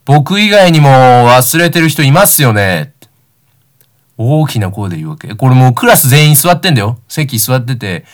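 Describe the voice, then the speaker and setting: Young man rambling, lively pitch. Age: young adult, about 19. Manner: rambling, self-deprecating comic storytelling. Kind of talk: solo comedic talk show monologue.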